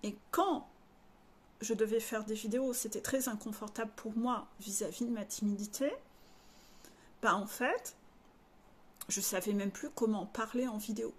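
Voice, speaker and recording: A woman's voice: fairly high pitch, fairly even intonation, normal speed, long pauses, husky. A woman coach from northern France, speaking frankly and confidingly to her followers, with blunt slang mixed into her talk. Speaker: life coach. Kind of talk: candid personal monologue to followers.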